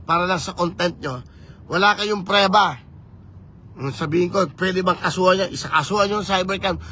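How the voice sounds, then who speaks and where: A man chatting on a live vlog from inside a moving vehicle, talking in an animated and preachy way as he mixes languages. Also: high voice, husky. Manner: animated, code-switching, preachy. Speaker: vlogger campaigning for office.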